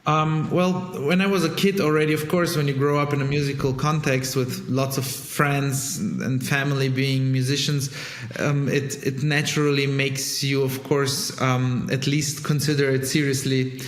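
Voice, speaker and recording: A man's voice: mid-range voice, fairly even intonation, normal speed. Thoughtful man in an echoey room. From Bulgaria. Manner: thoughtful, frequent ums, some restarts. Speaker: guest, conductor and startup co-founder. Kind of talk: conversational interview. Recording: roomy echo.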